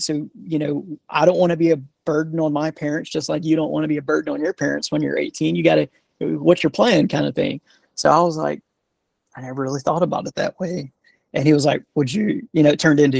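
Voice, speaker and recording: A retired Army sergeant, a man, being interviewed, telling stories in a relaxed, rambling way full of fillers and restarts. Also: fairly high pitch, creaky, dry recording. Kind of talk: casual storytelling interview.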